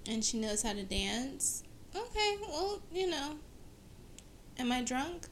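A woman co-hosting a podcast in casual chat, blunt and quick to laugh. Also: high voice, very animated, slight background noise. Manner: blunt, laughing, slow-drawling. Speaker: podcast co-host.

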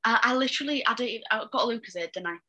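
A young woman from England co-hosting a podcast with her partner, chatting casually with blunt, quick remarks. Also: fairly high pitch, expressive, pushed and bright. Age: young adult. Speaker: podcast co-host. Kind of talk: casual couple chat.

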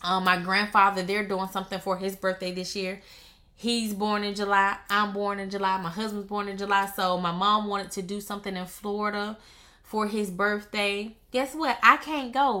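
A woman's voice: medium pitch, fairly even intonation, moderate pace, pushed and bright. A woman business coach chatting casually to her viewers on a live stream, emphatic and playful, with slangy talk and repeated phrases for effect. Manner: slangy, conversational delivery.

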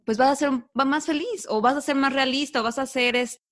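A woman's voice: high voice, brisk, fairly bright tone. Reflective woman co-hosting. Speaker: podcast co-host. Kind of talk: casual chat.

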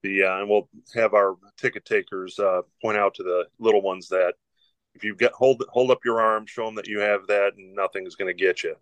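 A man who runs a haunted attraction, speaking haltingly with frequent fillers. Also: on the low side, fairly even intonation, fairly bright tone, dry recording, rough recording. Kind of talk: casual podcast chat.

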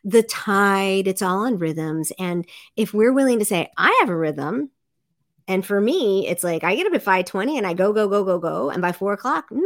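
Middle-aged woman, earnest guest, lively quoting, dry close recording. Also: moderate pace, dry recording. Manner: earnest, animated, acts out quotes with big pitch jumps. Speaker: podcast guest, life coach. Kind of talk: casual interview chat.

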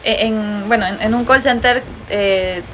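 A woman's voice: medium pitch, unhurried, fairly bright tone, slight background noise. A woman from Peru with a Peruvian Spanish accent, co-hosting a casual podcast and telling stories, often quoting herself. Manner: talkative, recalls episodes, quotes herself. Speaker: podcast co-host. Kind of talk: casual chat.

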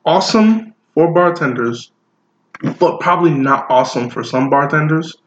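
A man's voice: a little high, normal speed, echoey room, highs cut off. A man co-hosting a podcast, chatting casually with joking, eager interjections. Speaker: podcast co-host. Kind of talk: casual chat.

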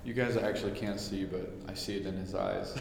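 A man's voice: sits low, vocal fry. Echo-drenched young man chatting casually. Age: young adult. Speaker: podcast co-host. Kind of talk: casual chat. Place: echoey hard-walled room. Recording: very echoey room, faint noise.

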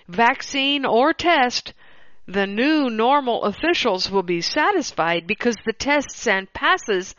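A woman reads an opinion article aloud at a slow, deliberate pace, her voice sitting a little high. The recording is dry and close, with a dull, slightly lo-fi sound. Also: a bit bright, no room sound. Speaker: host reading an article aloud.

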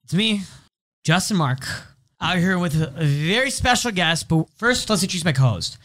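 A man's voice: high-pitched, expressive, normal speed, a bit bright, dry recording. A man hosting a podcast in casual banter, brash and joking with his guests, swearing freely. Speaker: podcast host.

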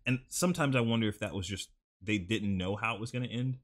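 A man's voice: lowish voice, fast talker, a bit bright. A young man talking casually on a podcast, drifting through a long story with plenty of fillers and restarts. His studio mic is turned slightly off-axis. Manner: rambling storyteller, lots of "like" fillers. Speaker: podcast host. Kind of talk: casual chat.

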